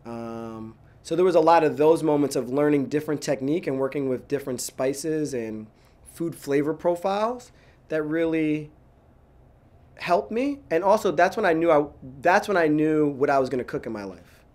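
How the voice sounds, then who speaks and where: A man in his thirties from New York, a chef answering interview questions in a casual, animated way, with frequent "like"s and restarts. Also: fairly high pitch. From New York, USA. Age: 30s. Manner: animated, talks fast with many "like"s and restarts.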